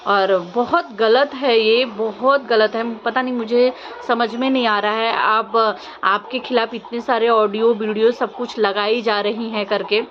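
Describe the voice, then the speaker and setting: Her voice is a little high and steady, slightly slow, with hardly any pauses. The young woman, a vlogger, gives viewers casual opinion commentary in an insistent, questioning way, often repeating herself, over muffled lo-fi audio with faint background noise.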